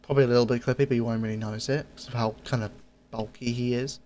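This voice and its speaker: An easygoing man talks through a casual game cosmetics review at a middle pitch. He repeats his phrases and stops to fix his own slips. A faint hiss sits under the voice. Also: fairly even intonation, rapid-fire, a little mellow. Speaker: gaming channel host.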